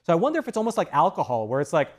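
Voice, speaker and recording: A man's voice: a little high, wildly swooping pitch, very fast. A young man on a TV studio panel who talks in a rambling way, with many restarts, on a lapel mic.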